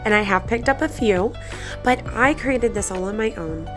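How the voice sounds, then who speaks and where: Breathy, congested woman crafting host over music. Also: medium pitch, normal speed. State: congested from a cold. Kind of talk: chatty voice-over craft tutorial. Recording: background music under the voice.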